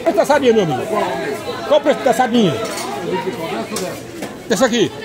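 A man's voice: very high-pitched, very animated, brisk. A man from Alagoas, giving chatty, casual commentary while walking through an outdoor street market, repeating phrases as he goes. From Alagoas, Brazil. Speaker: vlogger. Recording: busy street crowd noise. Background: loud crowd.

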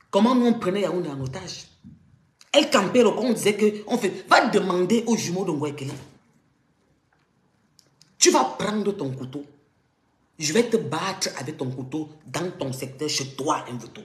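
A woman's voice: lowish voice, reverberant. A woman with a Cameroonian French accent, ranting on a live stream in a taunting, mocking, threatening way. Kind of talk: confrontational live-stream rant.

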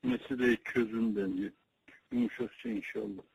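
A man on a landline phone call, giving soft, brief replies and blessings. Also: on the low side, fairly even intonation, normal speed, gravelly, breathy edge, no room sound. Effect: heard over a landline phone. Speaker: senior figure receiving a report by phone. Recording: dull, muffled phone line.

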